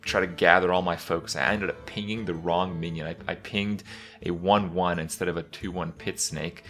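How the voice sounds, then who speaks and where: A man hosting a gaming video, giving casual commentary looking back, rambling and halting with pauses and repeats. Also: low-pitched, steady tone, fairly bright tone, soft background music.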